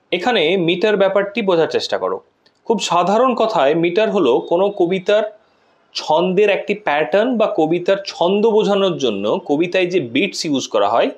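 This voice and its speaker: A man's voice: fairly high pitch, lo-fi sound. A man teaching an exam-prep lesson on poetic meter, explaining step by step and repeating key words.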